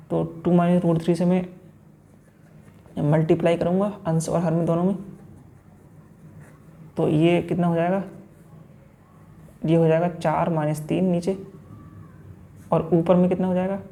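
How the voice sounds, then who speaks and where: A man teaches an exam-prep math lesson step by step, posing questions and answering them himself. His voice is very dark and gravelly. He speaks in a flat, level tone. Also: fairly high pitch, normal speed, long pauses. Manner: talks through each step, asks and answers himself.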